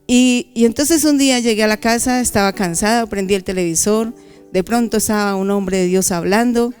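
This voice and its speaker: A middle-aged woman giving a testimony sermon at a church convention, telling her story with lively acted-out dialogue. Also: mid-range voice, moderate pace, smooth, soft background music. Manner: animated storytelling, acting out dialogue.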